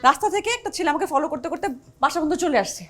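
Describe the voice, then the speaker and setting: A woman's voice: high-pitched, animated, very fast, soft background music. An actress playing a feisty young woman who scolds a stranger she thinks is following her, in a TV drama. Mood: indignant. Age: young adult. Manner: indignant, scolding. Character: feisty young woman, quick to threaten police. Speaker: new neighbor girl. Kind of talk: TV drama acting.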